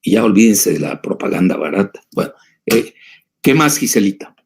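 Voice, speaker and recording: Gravelly, husky man lecturing with emphasis. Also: lowish voice, sing-song, moderate pace. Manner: digressive, emphatic, many filler sounds. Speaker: geopolitical analyst answering audience questions. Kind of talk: lecture-style talk.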